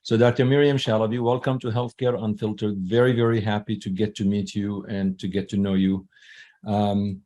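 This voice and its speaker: A man hosting a podcast interview, enthusiastic and animated as he introduces his guest and asks questions. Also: lowish voice, moderate pace. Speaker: podcast host.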